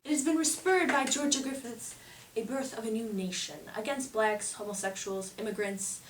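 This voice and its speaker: A woman's slightly high voice stays steady at a moderate pace, close to how she normally talks, as she plays a slangy, flirtatious, flighty 1920s anchor in a homemade mock news show. The mock-serious, theatrical performance is caught by a distant mic in an echoey room with faint noise.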